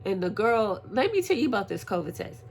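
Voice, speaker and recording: A woman recovering from surgery, telling a story in a profane, animated casual vlog. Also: mid-range voice, fairly quick, creaky, a little hiss or hum. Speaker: vlogger. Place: at home, indoors.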